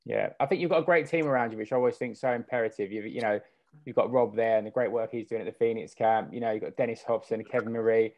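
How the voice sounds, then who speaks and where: A man's voice: mid-range voice, fairly even intonation, fast, darkish tone, muffled recording. A man conducting a casual sports interview, chatty and given to long, rambling questions.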